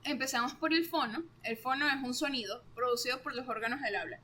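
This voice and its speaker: A woman's voice: high-pitched, fast, bright, forceful tone. A young woman explains course material in a casual, chatty way, full of fillers.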